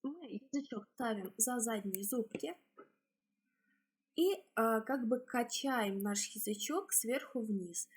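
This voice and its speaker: A woman speech therapist with a slightly husky voice explains exercises step by step in a halting, instructional way. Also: on the high side.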